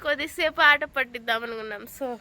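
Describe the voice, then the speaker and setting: A woman's voice: sits high, quick pace, pushed and bright, no room sound. A woman vlogger chatting casually at home in a playful, teasing, coaxing way. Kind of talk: casual home vlog chat.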